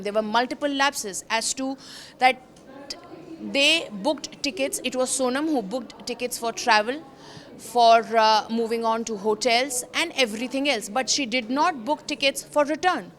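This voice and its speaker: Speaking in a high, slightly bright voice, a reporter with an Indian accent gives semi-scripted news explainer commentary. Her delivery is emphatic, with phrases repeated to drive points home.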